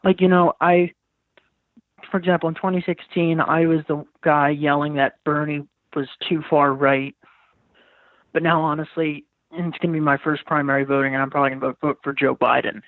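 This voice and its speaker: A man's voice: on the high side, level tone, brisk, no echo. A teenage man from New York calling in over the phone, talking earnestly and searching for his words. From New York, USA. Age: teens. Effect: heard over the phone. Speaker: caller. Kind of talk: casual call-in talk. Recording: tinny, breaking-up phone line.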